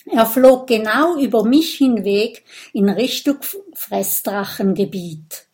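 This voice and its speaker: A woman's voice: fairly high pitch, slow pace, a little mellow. Woman voicing a sniffly, pushy porcupine girl. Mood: pushy, teasing. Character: snippy porcupine girl with a cold.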